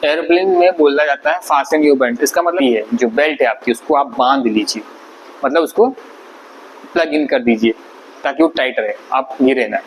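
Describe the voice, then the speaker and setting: A man's voice: mid-range voice, moderate pace, poor audio. A man teaching an English vocabulary lesson, explaining patiently and repeating words syllable by syllable. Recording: faint background noise.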